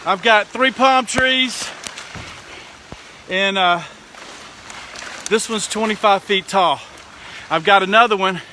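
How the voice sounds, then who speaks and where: Outdoors, with clear wind and storm noise around him, a man speaks in a notably high voice with a Southern US accent. He plays amateur weather reporter in a folksy, excitable way, casually addressing his viewers live. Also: slow pace, long pauses. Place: outdoors up a tree in wind and rain. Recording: windy outdoor noise, clicks and rumble. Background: storm wind and rain.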